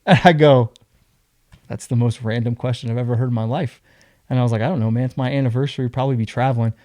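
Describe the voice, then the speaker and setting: A young man telling a story casually as a podcast guest, acting out other people's lines in an animated way. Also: medium pitch, fast talker, no room sound, studio quality.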